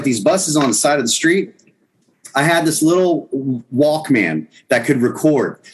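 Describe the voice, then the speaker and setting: A man's voice: medium pitch, low-quality recording. A man in his fifties, a guest musician, telling stories casually in a podcast interview, rambling with restarts and chuckles.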